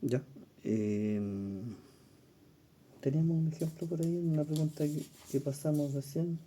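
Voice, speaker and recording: A man with a Chilean Spanish accent and a fairly high, dark-toned voice reviews exam questions in a recorded lesson, speaking a little slowly. He explains step by step, thinks aloud with fillers, and checks in with listeners, over slight background noise.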